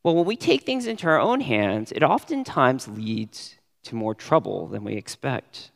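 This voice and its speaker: A man preaching a sermon as pastor, stressing key words with sudden rises in pitch. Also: very animated, moderate pace, creaky, big-room sound.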